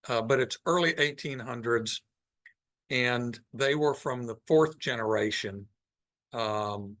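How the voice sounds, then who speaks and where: Unhurried and even, this man walks a live audience through his slides in a meeting room at a very slow pace. His voice sits at an ordinary middle pitch. He thinks aloud, with frequent pauses between points, keeping the tone of an informal presentation.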